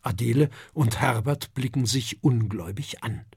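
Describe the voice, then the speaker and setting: A narrator reading a children's story aloud, expressive and unhurried. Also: mid-range voice, breathy edge, dry recording, studio quality. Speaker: audiobook narrator.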